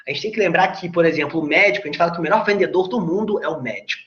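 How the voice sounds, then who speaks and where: A man's voice: fairly high pitch, rapid-fire, a bit bright. A man with a Brazilian Portuguese accent, a sales coach giving a casual video lesson while seated facing the camera, chatty and persuasive as he explains. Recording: roomy dull lo-fi recording.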